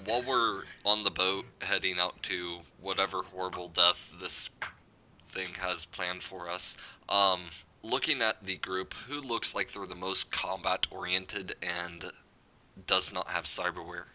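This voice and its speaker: A man playing in a tabletop game, asking questions in a halting way with many fillers. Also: low voice, fairly even intonation, bright, forceful tone, slight background noise. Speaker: player. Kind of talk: casual tabletop game talk.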